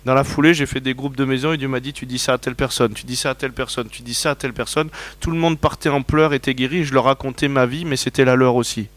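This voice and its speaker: A man preaching to a congregation, his pitch sitting right in the middle for a man. He tells long personal stories in an easy, conversational way and keeps checking that the listeners agree. It sounds like a relaxed, talking-style sermon. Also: quick pace, hardly any pauses. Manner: storytelling, conversational, asks the audience questions.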